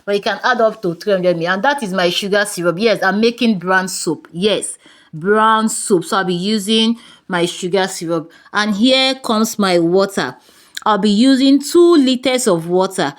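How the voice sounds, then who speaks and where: A woman with a Nigerian accent giving a brisk, chatty soap-making tutorial and talking straight to her viewers. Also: mid-range voice. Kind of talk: casual tutorial talk.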